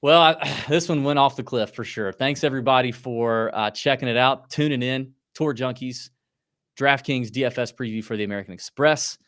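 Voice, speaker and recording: A man's voice: mid-range voice, moderate pace, no echo, studio quality. A man in his late thirties hosting a podcast, ranting in casual chat with lots of restarts and asides. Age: 30s. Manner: rambling, animated rants with restarts. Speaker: podcast host.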